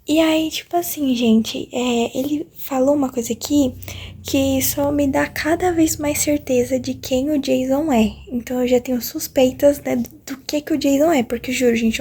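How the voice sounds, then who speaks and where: A woman's voice: high-pitched, dark tone, slightly rough. A young woman from Brazil chatting casually and emotionally about a book in a reading vlog, full of slang and fillers. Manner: emotional, slangy, swings between laughing and crying; chatty and informal, lots of fillers. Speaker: book vlogger.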